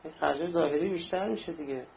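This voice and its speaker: A man delivers a sermon in a rough, gravelly voice pitched a little above the usual male range. He talks to his listeners conversationally and slips into brief acted-out anecdotes. The sound is muffled and lo-fi, with faint ambience underneath. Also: slight background noise. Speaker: preacher. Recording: dull lo-fi recording with faint ambience.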